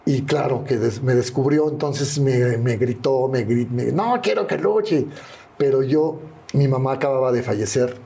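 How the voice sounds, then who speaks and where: Gravelly older Mexican man telling stories. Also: mid-range voice, moderate pace, few pauses. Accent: Mexican Spanish. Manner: lively anecdotal storyteller, acting out quoted voices. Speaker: interview guest, retired wrestler. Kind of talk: casual storytelling interview.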